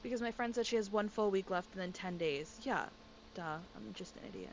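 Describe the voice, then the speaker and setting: A woman co-hosting a casual podcast chat from her bedroom, talking quickly and excitably. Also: medium pitch. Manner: fast, excitable talker. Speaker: podcast co-host. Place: bedroom at home. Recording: dull lo-fi with faint noise.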